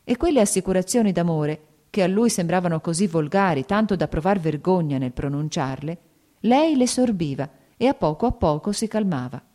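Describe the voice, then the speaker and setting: A woman narrating an audiobook of a classic novel in a measured, even storytelling manner. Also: on the low side.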